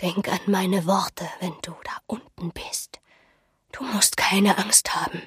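A woman reads as a half-mad old village woman with a slow, ominous whisper. She is close-miked in a dry room, and her voice sits at an ordinary pitch with no room echo. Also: slightly rough.

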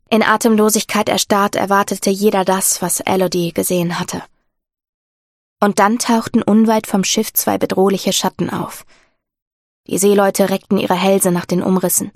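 A woman giving steady, scripted narration of a fantasy audiobook. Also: mid-range voice, vocal fry, no room sound, studio quality.

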